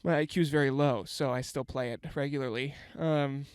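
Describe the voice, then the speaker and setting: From a parked van, a young, stuffy-voiced man rambles through a self-deprecating comedy podcast on a handheld microphone. His mid-range voice runs fairly quickly with fairly even intonation, a little mellow, clear and resonant without echo.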